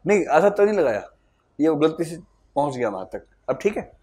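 A man's voice: a little high, big pitch swings, brisk, darkish tone. A man teaching a class, quizzing his students, calling them up to answer and dropping amused asides. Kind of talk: classroom lecture.

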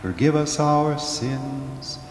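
A man leading Mass as priest, slowly intoning and chanting the liturgy, his voice carried by a cathedral echo. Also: medium pitch, expressive, slight background noise. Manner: slow, measured, intoning. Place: large church. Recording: echoey church hall with faint music.

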